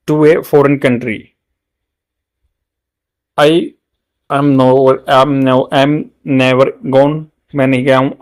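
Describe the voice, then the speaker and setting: A man with an Indian accent teaching English grammar for exam prep, repeating words slowly to drill pronunciation. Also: mid-range voice.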